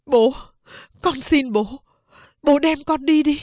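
Tearful little boy, high and pleading, a woman voicing him. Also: slow, a little mellow, no echo. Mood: begging. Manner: crying, begging. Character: young boy, tearful and clinging to his father. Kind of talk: audiobook character reading.

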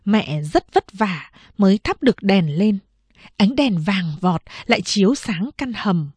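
A woman calmly narrating a novel as an audiobook reader, in a steady storytelling manner. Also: medium pitch, unhurried, slightly rough, no echo.

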